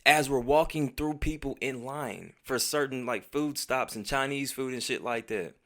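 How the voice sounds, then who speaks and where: An American storytelling vlogger with a mid-range voice and moderate pace tells a casual personal story. He's animated, profane and full of slang, acting out snippets of dialogue along the way.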